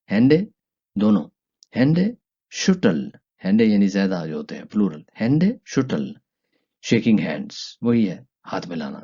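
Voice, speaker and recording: A lower-voiced man walks through German vocabulary, drawing each German word out slowly and lifting his pitch on it. His tone is dark and mellow. The recording sounds dull and lo-fi. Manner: stretches out German words slowly, with pitch jumps on them. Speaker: German language teacher. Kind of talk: language lesson explaining vocabulary.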